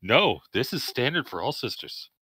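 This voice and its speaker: A man's voice: medium pitch, big pitch swings, moderate pace, pushed and bright, husky, no room sound. A man playing a zealous battle sister in a tabletop game, scolding and stern. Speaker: player. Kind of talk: tabletop role-play.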